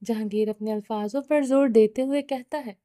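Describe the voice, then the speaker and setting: A woman narrating a novel aloud in a steady reading voice with small restarts. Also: fairly high pitch, dry recording, clean studio sound. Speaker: novel reader. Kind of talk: audiobook narration.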